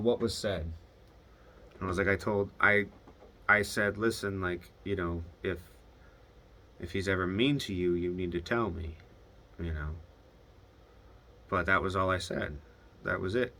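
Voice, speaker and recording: A young man speaks to his video diary in a low but bright, forward voice. He talks haltingly, restarting sentences, retelling a phone call line by line. He swears when it gets to him. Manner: hesitant, restarts often, swears when upset; retells phone calls, quoting both sides. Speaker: video diarist. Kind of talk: casual confessional monologue.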